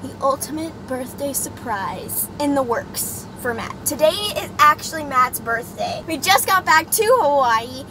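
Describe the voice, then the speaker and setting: A bright, high-pitched young woman chats to a handheld camera, bubbly and quick to get excited. The audio is noisy, with passing traffic clearly heard behind her voice. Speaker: vlogger. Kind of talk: casual vlog talk to camera. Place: on the go, in a car and stores.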